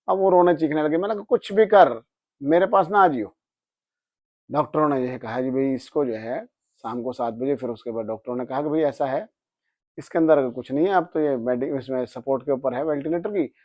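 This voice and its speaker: A man's voice: on the high side, no echo. A man telling a personal anecdote in casual speech, acting out the dialogue and raising his voice when angry. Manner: animated, acts out dialogue, voice rises when angry. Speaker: spiritual storyteller.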